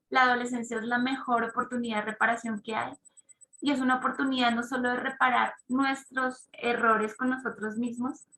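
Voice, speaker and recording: A woman's voice: fairly high pitch, bright, forceful tone, roomy sound, slight background noise, rough recording. A woman giving a conversational talk to parents, explaining ideas step by step and checking in with her listeners through questions.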